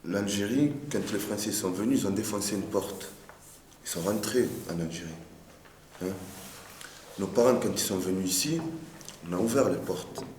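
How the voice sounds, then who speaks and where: A Frenchman with a lowish voice talks at a moderate pace, pausing often, in an animated, casual street interview. He repeats words and fires off rhetorical questions, and the recording is echoey with faint background noise.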